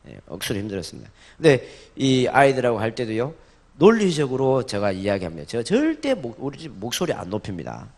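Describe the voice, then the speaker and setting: Brief: a church lecturer from Gyeongsang with a matching accent, expressive and full of pitch swings, who acts out dialogue and leads repetition drills. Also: male voice, fairly quick. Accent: Gyeongsang Korean. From Gyeongsang region, Korea. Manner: animated, acts out dialogue in varied voices, leads call-and-repeat. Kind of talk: sermon lecture to a congregation. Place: church in Busan.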